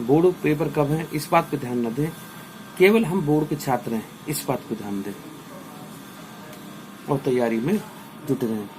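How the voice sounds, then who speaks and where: A man teaching a class, reading lines of verse slowly and then explaining them in an earnest, instructive way. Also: mid-range voice, noisy background. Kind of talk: poetry recitation and explanation lesson.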